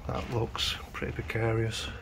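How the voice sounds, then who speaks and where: A man's voice: on the low side, completely flat delivery, measured pace. A man giving terse, muttered running commentary as he explores an abandoned rural building on a handheld camera. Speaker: urban explorer. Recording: noisy outdoor ambience.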